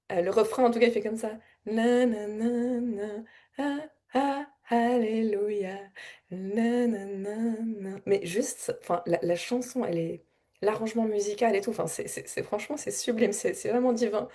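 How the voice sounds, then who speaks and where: A woman spiritual coach talking casually and reflectively to her audience, wandering through her thoughts with frequent repeated words, soft laughs and heartfelt emotion. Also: medium pitch, husky. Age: adult with a child. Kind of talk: casual spontaneous reflective talk.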